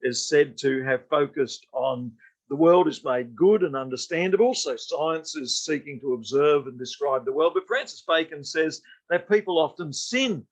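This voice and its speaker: A man giving an unscripted college lecture, pausing often with fillers and restarting sentences. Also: fairly high pitch, expressive, low-quality recording.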